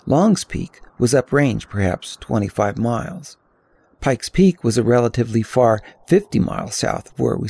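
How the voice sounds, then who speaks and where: An older man narrating a first-person story in a calm, descriptive, steady manner. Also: mid-range voice, gravelly, breathy edge, dry recording. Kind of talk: scripted audiobook narration.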